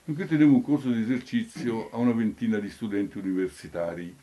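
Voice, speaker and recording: A man, a priest giving a homily who reads scripture, then swings between loud calls and near whispers. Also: on the low side, quick pace.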